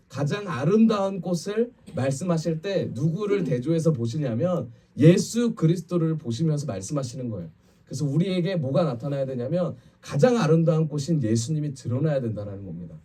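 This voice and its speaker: A man's voice: on the high side, husky, recorded from a distance. A man, a pastor, giving a conversational Friday evening sermon in a church, talking directly to his congregation. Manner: conversational preaching, quotes people in lively voices. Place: church sanctuary.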